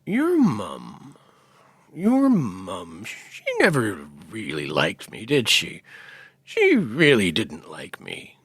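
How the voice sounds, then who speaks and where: A woman's voice: a bass voice, huge pitch swings, slow, slightly rough, no echo, voice pushed down, full character voice. A woman imitating a self-pitying older man in a whiny voice.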